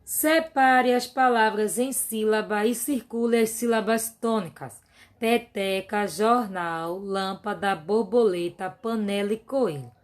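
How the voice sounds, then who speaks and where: A woman's voice: mid-range voice, slow pace. A woman teacher with a Brazilian Portuguese accent, going over workbook exercises in a remote class and patiently dictating lists of words one by one.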